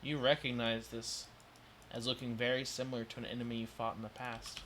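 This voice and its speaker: A man's voice: medium pitch, little pitch movement, fairly quick, fairly bright tone, a little hiss or hum. A man narrating as game master of a tabletop game, in stop-start speech with many fillers.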